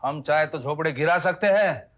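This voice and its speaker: A man's voice: a little high, moderate pace, fairly bright tone, muffled recording, lightly acted. A man playing a swaggering slum strongman. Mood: menacing. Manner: threatening, swaggering. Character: menacing male slum strongman, boastful. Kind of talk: sitcom acting.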